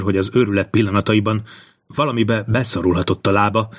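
A man narrating a thriller audiobook in a slow, measured reading. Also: lowish voice.

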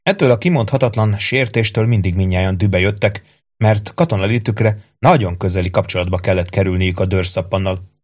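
A man reading a novel aloud in steady, even narration. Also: fairly low pitch. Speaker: audiobook narrator. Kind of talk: scripted narration.

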